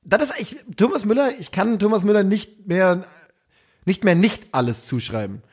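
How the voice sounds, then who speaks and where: Begeisterter Mann mit etwas hoher Stimme. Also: male voice, high-pitched, expressive, normal speed, darkish tone, slightly rough. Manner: enthusiastic, slangy, self-deprecating. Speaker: podcast co-host. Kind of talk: casual football chat.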